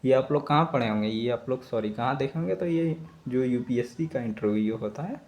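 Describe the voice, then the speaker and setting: A young man works through exam questions for his students, reading each one slowly before explaining the answer. His pitch is mid-range. A faint background hiss runs under the recording. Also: expressive. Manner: reads English questions slowly then explains in Hindi. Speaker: exam prep tutor. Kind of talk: explaining quiz answers in Hindi lesson.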